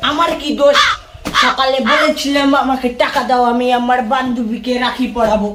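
A man's voice: very high voice, normal speed, very noisy. A man playing a drunk, blustering, contrary son in a comedy skit. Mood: defensive. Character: drunk, contrary son who loves free liquor. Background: loud music.

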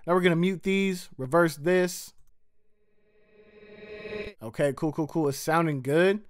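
A man's voice: a little high, clear, resonant tone. A man, a music producer, casually walking through his mixing steps in a slangy, laid-back tutorial voice.

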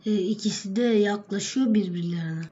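A woman casually narrating her own homemade skit with quick asides. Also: mid-range voice, muffled recording, noisy background. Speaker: creator of the skit.

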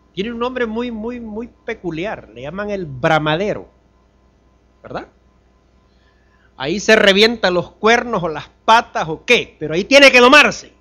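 A pastor preaching a sermon, asking the congregation rhetorical questions and swinging between loud emphasis and soft, low drops. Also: male voice. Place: church.

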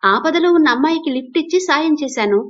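An exasperated young husband snaps back in a sharp, raised voice, as a woman narrator puts him on. It is a storybook reading, recorded dull and lo-fi. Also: high voice, lively intonation, quick pace, voice pushed up. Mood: angry.

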